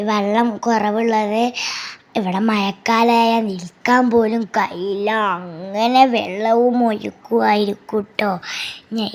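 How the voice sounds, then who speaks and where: A woman's voice: medium pitch, a little mellow. A woman with a Kerala Malayali accent gives a casual, chatty travel vlog voice-over, mixing English words into Malayalam and often addressing viewers. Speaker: vlogger.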